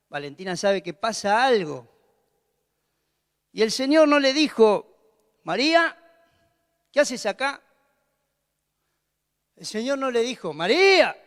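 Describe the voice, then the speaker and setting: A man preaching a sermon, emphatic and repetitive, swinging from loud exclamations to hushed tones. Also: sits high, smooth. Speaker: pastor. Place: church hall. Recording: long hall reverb.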